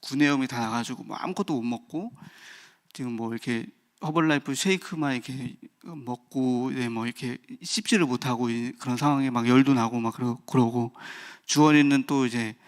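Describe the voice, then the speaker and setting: Pastor, male, thirties, at a dawn service; candid, personal delivery with frequent pauses and restarts. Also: mid-range voice. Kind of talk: early-morning sermon.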